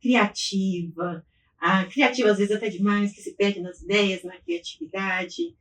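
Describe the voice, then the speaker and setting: A woman's voice: mid-range voice, fairly even intonation, measured pace, echoey room, far from the mic, poor audio. A middle-aged woman from Minas Gerais, Brazil, chatting as a podcast guest about her life and often restarting her sentences. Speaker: guest, business owner. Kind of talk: interview storytelling.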